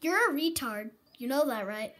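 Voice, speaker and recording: A high, bright voice doing bossy Bowser Junior. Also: expressive. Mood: exasperated. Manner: blunt, slow and bossy, scolds his friends. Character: bossy young male koopa prince, host of the call. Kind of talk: fan puppet comedy on a video call.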